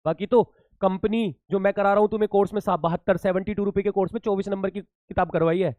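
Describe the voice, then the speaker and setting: A man's voice: high voice, steady tone, fast talker, no room sound. A male commerce teacher talks students through exam tips in an easy, chatty way. He keeps reassuring them and calls them beta. The sound is dry and a little dull. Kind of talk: casual exam-tips lesson.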